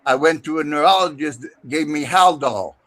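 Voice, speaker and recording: A man's voice: fairly high pitch, normal speed, a bit bright. A man chatting casually in a group, talking in a rambling, insistent way. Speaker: military veteran.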